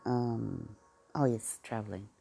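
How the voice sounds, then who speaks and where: A Queensland-broadened Australian accent colors this vlogger's casual, rambling chat, full of ums, restarts, and sidetracks. His voice is fairly low, steady, slow, creaky, warm, and husky. A pop song plays in the background.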